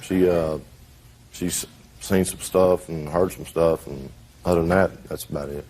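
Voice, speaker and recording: A middle-aged man answering a judge's questions as a defendant, terse and halting. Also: low-pitched, steady tone, darkish tone. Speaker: defendant in TV court.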